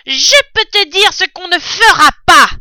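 A woman's voice: high-pitched, sing-song, takes it slowly, sharp tone, no room sound, clean studio sound, pitched above the performer's own voice, exaggerated voice. A woman voicing a furious, hot-tempered male farmer who bellows his threats. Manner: bellowing, vicious.

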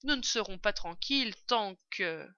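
A woman voicing a brave male fox father in a storybook reading, urgent and shouting when alarmed. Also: mid-range voice, lively intonation, moderate pace, smooth, dry recording, lo-fi sound. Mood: musing.

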